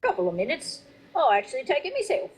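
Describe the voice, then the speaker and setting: A woman narrating a tabletop game as game master, casually and haltingly, repeating phrases as she goes. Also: high-pitched, huge pitch swings, a little mellow, husky.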